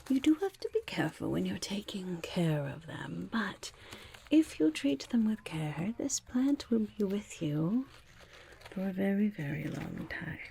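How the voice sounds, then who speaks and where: A woman voicing a shifty, boastful goblin merchant in a breathy, raspy whisper for an ASMR roleplay, with stammering sales patter. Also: medium pitch, sing-song, a little slow, warm tone, slight background noise. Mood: boastful, eager. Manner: speaks of self in third person, stammering sales patter. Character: shifty, flustered, boastful goblin market vendor.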